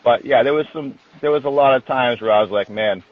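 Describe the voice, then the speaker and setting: A man's voice: mid-range voice, fast talker. A man speaks as a guest in a casual interview, heard over a thin, phone-like connection. His way of talking is candid and colloquial, with the odd swear word. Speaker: interview guest, dog trainer.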